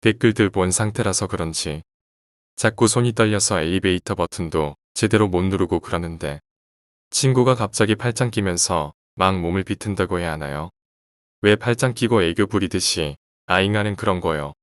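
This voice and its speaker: A man narrating a first-person horror story aloud in a quiet, measured reading. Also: sits low, no echo, clean studio sound.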